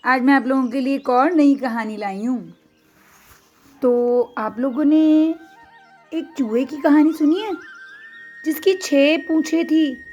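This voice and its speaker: A young woman storyteller narrating a tale for children, slow, clear and expressive. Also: high-pitched, lo-fi sound, faint music behind.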